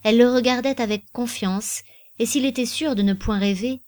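A woman narrating a literary novel as an audiobook in a measured, expressive reading. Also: a little high.

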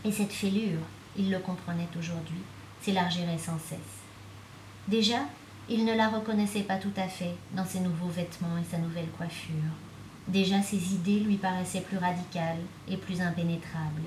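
A woman reading a novel aloud as narrator, with steady, even storytelling. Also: fairly low pitch, moderate pace, slight background noise. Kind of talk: audiobook reading. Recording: echoey room.

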